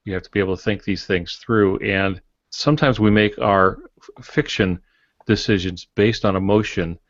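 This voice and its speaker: Speaking at a normal pace in a low register, an older man gives casual advice as a podcast co-host and writing mentor, leaning on folksy, homespun metaphors. The podcast audio is close, dry, lo-fi, and dull, with a somewhat muffled top end and no echo.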